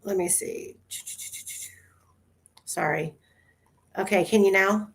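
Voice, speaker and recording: A creaky, mid-range female voice comes through a computer mic on a video call, speaking at a slow pace. Hosting a casual online discussion, she shares her screen and calls out the trial photos one at a time, methodical and steady.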